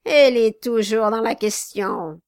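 A woman voicing a loud, spiteful dwarf villain. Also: on the high side, a little slow, no echo, studio quality. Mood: scornful. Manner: loud, mocking, bullying. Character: spiteful scheming male dwarf, loud and domineering. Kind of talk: audiobook character reading.

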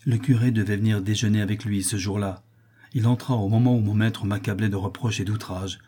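A man narrating an audiobook in a measured, dramatic storytelling manner. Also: lowish voice, steady tone, warm tone, husky.

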